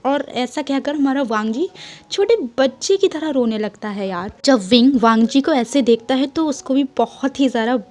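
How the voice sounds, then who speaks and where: A woman casually retelling a fan fiction story in a brisk, chatty way. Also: high voice, expressive, a little mellow.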